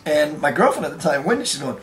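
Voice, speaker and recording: A man's voice: a little high, very animated, fast, fairly bright tone, roomy sound. A man earnestly telling a first-person story, with emphatic conviction.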